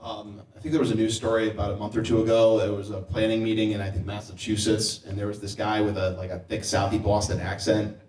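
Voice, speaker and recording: Male lawmaker on a panel, measured storytelling tone, room echo, distant mic. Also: lowish voice, flat delivery, a little mellow, slight background noise. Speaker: state legislator on a panel. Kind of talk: conversational panel discussion.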